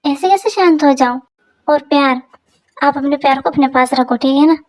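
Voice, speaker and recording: A woman's voice: high voice, moderate pace, lightly acted, poor audio. Woman doing a fiery, scolding sister-in-law. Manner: brash scolding. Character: fiery older sister-in-law, fiercely loyal. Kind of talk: Hindi fan dub drama.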